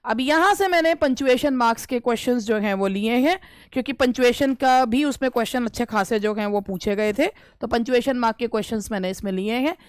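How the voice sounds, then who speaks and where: A woman with an Indian accent teaches an English grammar lesson aimed at exam preparation, in a fairly high, smooth voice recorded dry and close with no room sound. She reads each question deliberately, then explains it, asking questions and answering them herself.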